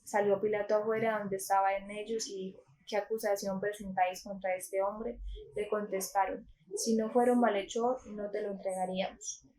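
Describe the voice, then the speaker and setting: A woman from Colombia reading a Gospel passage aloud in a calm, measured way, with a few small slips. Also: medium pitch, poor audio. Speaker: scripture reader.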